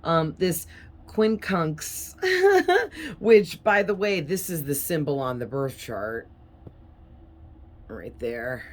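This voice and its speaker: Woman, tarot reader, low voice, unhurried, rambling with fillers, sinus-heavy breathing. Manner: rambling, chatty, with fillers and soft laughs. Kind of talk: casual tarot reading.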